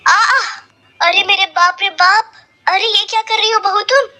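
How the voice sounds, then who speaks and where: A woman voicing an exasperated middle-aged mother-in-law in a cartoon story, loud, scolding and dramatic. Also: high-pitched, moderate pace. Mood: shrieking.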